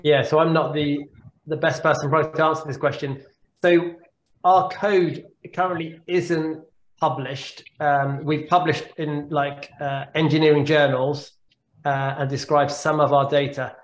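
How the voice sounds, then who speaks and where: A neurologist in his forties takes audience questions as a guest speaker on a video call from his home, considering each one carefully and often repeating words as he thinks. His voice is on the high side, steady in tone, and a little slow, and the call audio is echoey.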